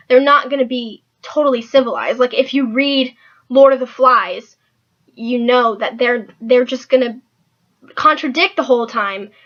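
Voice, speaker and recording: A woman's voice: a little high, a bit bright. A young woman chatting casually through a book review, rambling with lots of filler words. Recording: dull lo-fi recording.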